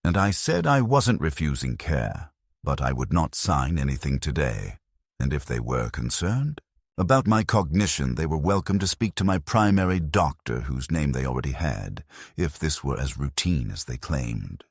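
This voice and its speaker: An older man narrating a first-person story in a measured, even-toned way with long flowing sentences. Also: a bass voice, vocal fry, husky, no room sound, clean studio sound.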